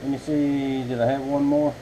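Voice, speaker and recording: A knifemaker talks casually to his viewers from his home workshop, rambling in a folksy way and calling them y'all. His mid-range voice is warm, with little pitch movement and a normal pace, and the rough vlog recording has slight background noise.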